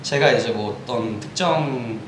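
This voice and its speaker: A man's voice: mid-range voice, normal speed, roomy sound, noisy background. A man in his twenties, a rapper, chatting casually and cheerfully as a guest in an interview. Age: 20s.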